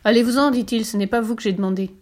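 A woman voicing an old male pope who is cross at first and then gently advises. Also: a little high, steady tone, racing, natural voice. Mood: annoyed.

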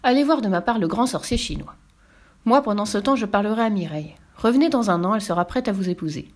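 A woman voicing a calm, fatherly male village priest in a storybook reading. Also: medium pitch, quick pace, close to an everyday voice. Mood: reassuring.

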